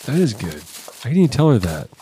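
A man co-hosting a comedy podcast, trading crude jokes in an excitable voice and breaking into frequent laughter. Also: mid-range voice, fast talker, slight background noise, rough recording. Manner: excitable, exclaiming, often laughing.

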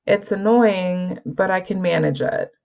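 A woman voicing a calm young medium who speaks quietly and evenly, at times in a near whisper. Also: on the low side, creaky, muffled recording. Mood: measured. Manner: quiet, measured, sometimes whispering.

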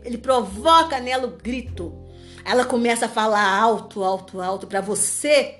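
A woman preacher with a slightly high voice gives a fervent sermon, hammering her points through repetition and sharp commands. Faint instrumental music plays beneath her.

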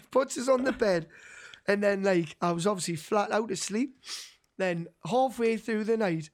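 A man's voice: high voice, unhurried. A young man with a Geordie accent telling an anecdote casually to friends, slangy and sweary, acting out what people said. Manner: sweary, slangy, animated storytelling that acts out quoted dialogue.

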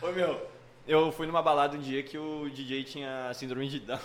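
A man chatting casually at a bar table, telling jokes and doing animated impressions. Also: mid-range voice, moderate pace. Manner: joking storyteller, animated impressions. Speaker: podcast guest.

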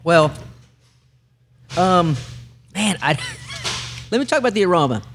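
A man's voice: sits high, expressive, measured pace, creaky, fairly bright tone, a little hiss or hum. A man hosting a casual podcast in an easygoing way, steering the talk with many fillers. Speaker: podcast host.

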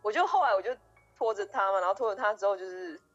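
Loud music plays behind a young woman's voice as she co-hosts a podcast and eagerly retells a story. She's animated and fast, at medium pitch, restarting often and quoting dialogue. The sound is lo-fi, and the talk is casual storytelling.

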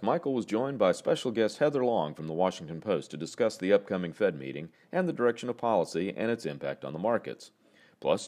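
A man hosting a morning brief, reading scripted market news in a measured, formal newsreader delivery. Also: sits low, darkish tone.

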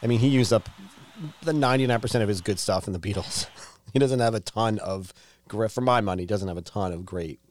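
A man's voice: fairly low pitch, fairly quick, no echo. A man co-hosting a podcast, chatting casually and teasing with crude jokes. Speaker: podcast co-host. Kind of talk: casual chat. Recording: faint music behind the voice. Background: recorded music.

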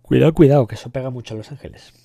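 Speaking in a mid-range voice that races along, creaky and mellow with a breathy edge, a young Spaniard rambles through a casual solo podcast rant. He jokes crudely, swears a lot and keeps losing the thread. The recording is studio quality with no room sound.

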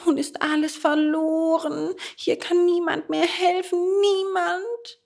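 A woman's voice: sits high, steady tone, a little slow, voice pushed up. A woman voicing a frightened, whiny young wooden puppet boy. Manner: wailing, anxious.

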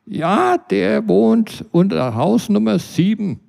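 A man's voice: sits high, expressive, slow, creaky, darkish tone, voice pushed up, full character voice. Man putting on a snippy gossipy neighbor woman. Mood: belehrend. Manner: cheeky, teasing.

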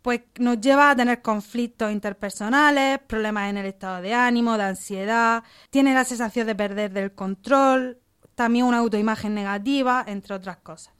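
Calm, clear-voiced psychologist woman. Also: a little high, normal speed. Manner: calm, methodical, explaining in structured lists. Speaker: psychologist guest. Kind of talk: explanatory radio interview answers.

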